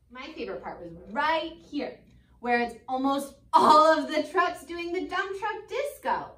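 In an indoor school classroom, a camera several metres away captures a preschool teacher in her twenties reading to little ones with lively, sing-song expression. Her voice sits high, and she asks questions, then waits for the children to answer; the sound is echoey and distant.

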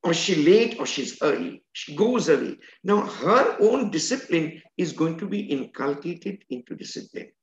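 A man's voice: on the high side, very animated, normal speed, hardly any pauses, a little hiss or hum. An older man, an educator, giving an earnest and emphatic online lecture over a video call from a room at home. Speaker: educator and trainer. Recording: roomy, dull video-call audio.

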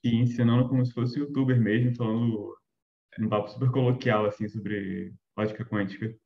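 A man's voice: on the low side, steady tone, normal speed, creaky, muffled recording. A man student, speaking enthusiastically and informally during a class discussion.

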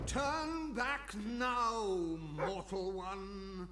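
An actor playing a ghost in a video game, giving grave, theatrical doomsayer warnings. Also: male voice, high-pitched, animated, extremely slow, noisy background, full character voice. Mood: ominous, menacing. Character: testy ghost of a dead male playwright, booming doomsayer.

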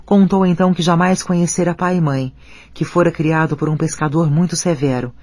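A man narrating an audiobook in an even, measured reading voice. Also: on the high side, dry recording. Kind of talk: scripted narration.

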